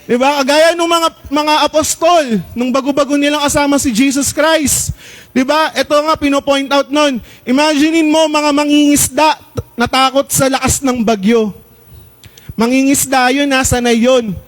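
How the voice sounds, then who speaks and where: High-voiced Filipino pastor preaching. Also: male voice, steady tone. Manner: conversational preaching, asks the crowd "Di ba?" and "Amen?" often, mixes in English; slows down when reading verses aloud. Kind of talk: sermon.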